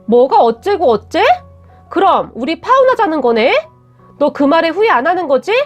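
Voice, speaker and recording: A woman's voice: sits high, sing-song, normal speed, faint music behind, voice pushed up. Woman reading a blunt, sulky fiancé. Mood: blunt, angry. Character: curt defensive young man, bride's fiancé.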